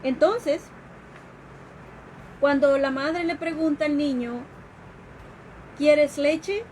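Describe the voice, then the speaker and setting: A woman educator with a high voice lectures at an unhurried pace during a live stream. She explains patiently, pausing on fillers and restarting her sentences. A faint hiss of background noise runs under her voice. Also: fairly even intonation, a little mellow, poor audio. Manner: explanatory, with fillers and restarts, acts out quoted questions. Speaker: educator giving a talk.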